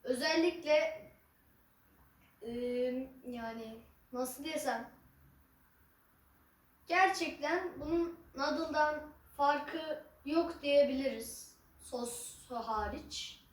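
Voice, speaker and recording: A woman chatting casually to viewers as an eating vlogger, halting and unhurried, with some drawn-out words. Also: high voice. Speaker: mukbang ASMR vlogger. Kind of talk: casual chat to camera while eating. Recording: roomy echo, distant mic, faint noise.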